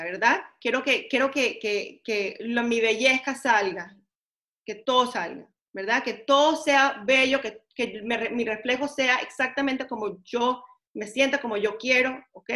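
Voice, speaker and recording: A woman's voice: fairly high pitch, sharp tone. A woman teaching a weekly spiritual class in a casual way, often slipping words into her Spanish and checking in with "ok?". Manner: mixes English words into Spanish, asks "¿ok?" often.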